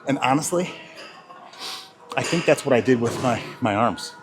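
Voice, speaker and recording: A man's voice: mid-range voice, expressive, normal speed. A man talking casually in a gym vlog while out of breath, rambling and swearing, with lots of sidetracks. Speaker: fitness vlogger. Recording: music playing clearly behind.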